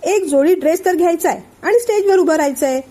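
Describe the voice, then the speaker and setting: A woman's voice: extremely high pitch, fast talker, mellow, voice pushed up. A woman voicing a patient older male friend. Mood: calm, persuasive. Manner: patient, soothing, explaining. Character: calm older male friend and family elder.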